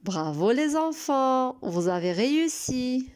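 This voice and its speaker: A woman teacher giving a recorded lesson to young children, spelling out letters and syllables slowly and praising often. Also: sits high, big pitch swings, a little mellow. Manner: slow and carefully spelled out, encouraging. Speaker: preschool teacher.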